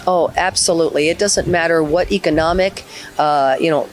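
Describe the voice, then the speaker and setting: A woman's voice: deep voice, normal speed, a little hiss or hum, rough recording. A woman from Venezuela giving an outdoor interview, passionate and emphatic, rallying people to act. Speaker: guest, faith-based activist. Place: outdoors outside a stadium.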